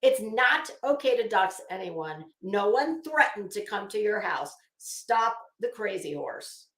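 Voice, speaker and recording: An online host reads documents aloud with flair in a sing-song, slightly bright, medium-pitched voice, never hurrying. She punctuates the reading with brash, profane, sarcastic commentary, recorded in an echoey space.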